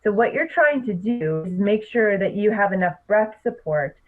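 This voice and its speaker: A middle-aged woman coach talks through speaking techniques in an animated, explanatory way, her pitch sitting at a middle level. Her voice comes through a thin, phone-like line. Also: moderate pace. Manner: animated, explanatory, laughs often. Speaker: public speaking coach, guest. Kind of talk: podcast interview.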